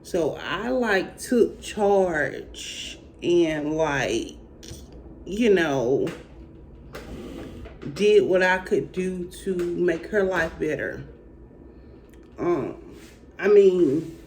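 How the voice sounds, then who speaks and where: A speaker from Alabama with a country Southern accent, talking slowly and haltingly in a personal faith testimony and encouragement vlog. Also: medium pitch, darkish tone, a little hiss or hum. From Alabama, United States. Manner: slow, halting country drawl. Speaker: faith vlogger.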